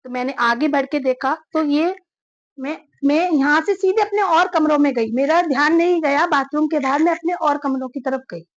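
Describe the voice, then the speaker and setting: High-voiced woman recounting, dull sound. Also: normal speed. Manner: earnest, repeats phrases and restarts often. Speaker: interviewee, daughter of the victim.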